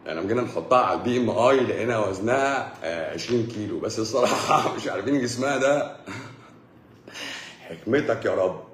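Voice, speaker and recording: An Egyptian-accented man gives a joking live talk, mixing medical explanation with playful asides. He speaks quickly. The sound is roomy and echoing, with faint room ambience underneath. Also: lowish voice, expressive, a little hiss or hum. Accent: Egyptian Arabic. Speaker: doctor giving a talk.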